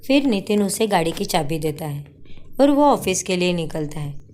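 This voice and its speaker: A woman narrating a cartoon story in a plain, steady voice. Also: lowish voice, normal speed.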